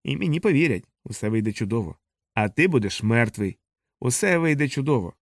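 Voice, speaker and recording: A man's voice: mid-range voice, animated, fairly quick, no echo, studio quality. A man voicing a cruel, bullying older boy who taunts and threatens his younger brother. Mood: menacing.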